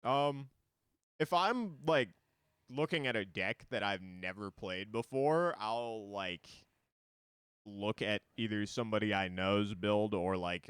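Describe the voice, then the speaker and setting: A man with a lowish, smooth voice talks casually while streaming a card game. He rambles loosely, leaning on "like" as a filler. The sound is dry and close, from a desk mic at home. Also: fairly bright tone, no room sound.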